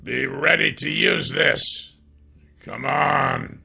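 A man voicing a steady male adventurer who gives quiet, calm orders. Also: extremely slow, vocal fry, husky, full character voice. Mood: cautious. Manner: calm, low-key commands.

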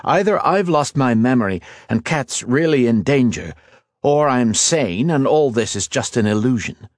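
A man's voice: medium pitch, big pitch swings, unhurried, a little mellow, no echo, studio quality, pitched above the performer's own voice. A man voicing a blunt, impatient young man who speaks in a raised, curt and urgent way. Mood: defiant.

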